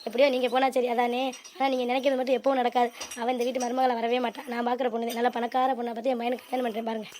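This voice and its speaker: A woman voicing a sharp-tongued, scheming middle-aged mother in a homemade cartoon, scolding her family. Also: a little high, little pitch movement, racing, noisy background, close to an everyday voice. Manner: scolding, bickering. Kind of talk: cartoon voice acting.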